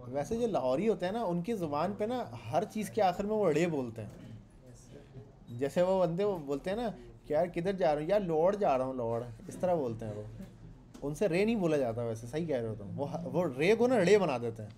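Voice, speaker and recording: A man's voice: a little high, big pitch swings, brisk, mellow. A man with a Pakistani Urdu accent giving a classroom programming lecture in a conversational way, often asking the class questions and repeating his points. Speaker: programming instructor. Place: classroom with students.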